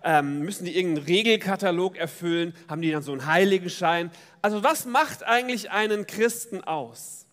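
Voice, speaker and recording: High-voiced preaching man in echoing church. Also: brisk. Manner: lively preaching, addresses the congregation directly. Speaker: pastor. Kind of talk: sermon at a baptism service. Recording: long church reverb.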